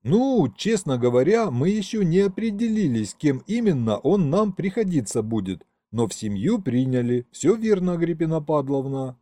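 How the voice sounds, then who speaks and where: A man voicing an eager, flustered young man who pleads and excuses himself, in a raised, lively voice. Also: normal speed, few pauses, no room sound. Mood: pleading. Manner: pleading, eager, high and excited.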